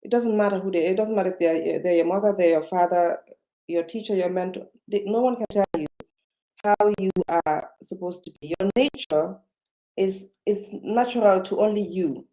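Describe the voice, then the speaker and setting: Seated indoors and recorded on a webcam or computer mic, a non-native English-speaking woman talks unscripted to camera for a self-help video. Her warm, medium-pitched voice moves at normal speed, though she hesitates often with fillers and restarts, and the recording quality is low.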